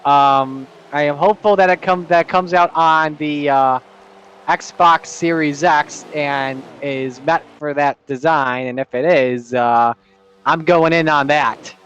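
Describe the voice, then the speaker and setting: A man's voice: fairly high pitch, fairly even intonation, slow, fairly bright tone, clear, resonant tone, dull audio. A man co-commentating a sim race, casual and hesitant with fillers.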